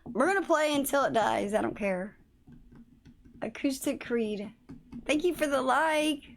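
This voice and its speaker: A woman livestreams a game over a phone mic, chatting casually with viewers and swearing a little. Her voice sits high and sounds gravelly and slightly worn, as though she is losing it, with lively intonation and a measured pace. There's a little hiss or hum in the recording.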